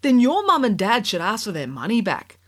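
A woman's voice: fairly high pitch, sing-song, fairly quick, fairly bright tone, breathy edge, voice pushed up, heavily acted. Woman doing a scornful TV talent judge. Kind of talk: storybook character reading.

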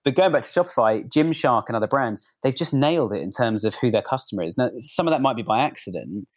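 A man's voice: mid-range voice, expressive, fast. A man hosting a podcast, chatting casually and drawing on his own business. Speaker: podcast host.

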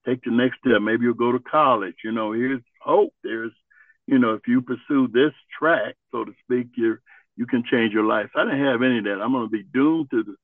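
An older man from Ohio, a Vietnam veteran, telling his life story in an interview in an earnest, halting way. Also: medium pitch, no echo. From Ohio, USA. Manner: earnest, halting, searching for words. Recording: tinny phone-like line.

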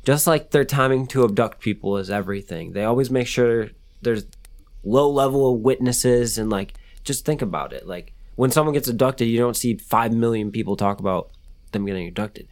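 A man's voice: mid-range voice, moderate pace. A man co-hosting a casual podcast, reasoning aloud and speculating in a conversational way. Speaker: podcast co-host. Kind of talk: casual chat.

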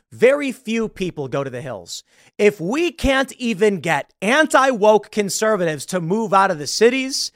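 A man in his late thirties reacts to a video with sarcastic, mocking political commentary. His voice sits fairly high, is a bit bright, and jumps around a lot. The recording is dry and close, with no room echo.

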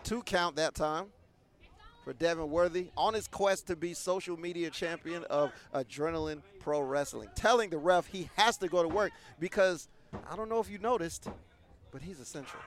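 Male play-by-play wrestling commentator with a high voice; excitable, loud on big moves. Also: moderate pace.

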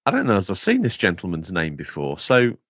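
A man's voice: sits low, wildly swooping pitch, a little fast, a bit bright, dry recording, studio quality. A man hosting a podcast in casual chat, reading out listener comments with playful, rambling asides. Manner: playful, rambling, theatrical emphasis. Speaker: podcast host.

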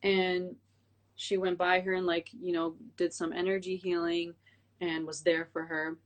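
A young woman guest, a breathwork coach, telling her story in a casual interview with many "like"s and animated retellings of her own thoughts. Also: fairly low pitch, a little slow. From Albanian heritage.

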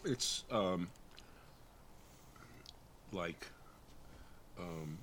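A man, a guest expert on chili peppers from New Mexico, explaining in casual chat with many ums and pauses while his eyes water from the heat. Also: deep voice, background noise. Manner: halting, many ums and uhs.

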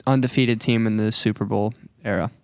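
A man's voice: on the low side, steady tone, brisk, no room sound. A young man co-hosting a podcast, playful and contrarian in casual chat. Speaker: podcast co-host.

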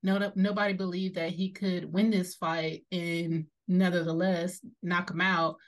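A woman's voice: on the low side, level tone, unhurried. Upbeat woman recapping a fight. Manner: upbeat, earnest, teasing. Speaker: podcast co-host. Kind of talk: casual sports recap.

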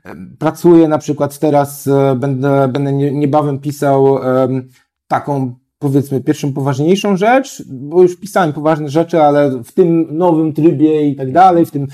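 A man's voice: a little high, steady tone, normal speed, dark tone. A man chatting as a guest writer, talking in a hesitant, rambling way with many fillers and tag questions. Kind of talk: casual chat.

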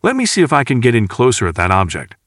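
A man reading the part of a male station chief scientist in an audiobook, explaining things in a calm, measured way. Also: medium pitch, dry recording, studio quality.

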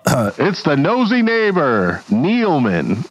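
A man's voice: a little high, wildly swooping pitch, slow pace, dull audio, music in the background, pitched above the performer's own voice, exaggerated voice. A man voicing a cheery 1920s sitcom announcer, theatrically presenting the show and its cast. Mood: showy, upbeat. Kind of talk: old-time TV show intro announcing.

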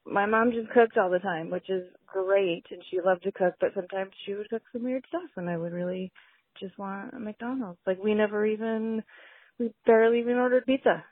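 A woman leaving a voicemail over a tinny phone line, her voice a little husky and the sound dry and close. She rambles casually, filling the gaps with "um" and "like". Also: medium pitch, fairly quick, no echo. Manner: rambling, full of "um" and "like". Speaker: caller.

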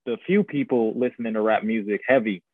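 A man's voice: lowish voice, brisk, slightly rough, dry recording. A man from Guyana co-hosting a podcast, chatting casually with a laid-back, agreeable manner and plenty of slang. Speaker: podcast co-host. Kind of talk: casual chat. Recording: dry, phone-like lo-fi sound.

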